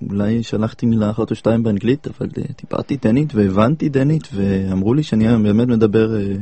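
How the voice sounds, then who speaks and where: Casting: man, low husky voice, halting and self-correcting in casual talk. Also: warm tone, dry recording. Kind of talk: casual chat.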